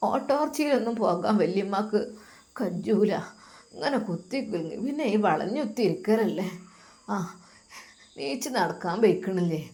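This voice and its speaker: A woman voicing a frail, tearful, pious elderly grandmother in a soft, half-whispered way. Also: medium pitch, close to an everyday voice.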